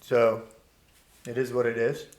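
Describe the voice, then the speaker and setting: A man's voice: mid-range voice, level tone, normal speed, a little mellow, echoey room. A young man co-hosting a casual podcast chat with dry, laid-back banter. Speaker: podcast co-host.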